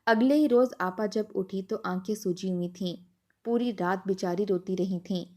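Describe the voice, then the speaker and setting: A woman telling a first-person family story in an even, soft storytelling manner. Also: medium pitch.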